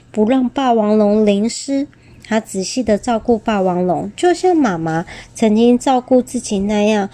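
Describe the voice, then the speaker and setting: Slow, mellow woman reading a picture book. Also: on the high side. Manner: gentle, exclaiming, chats with listener. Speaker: storyteller.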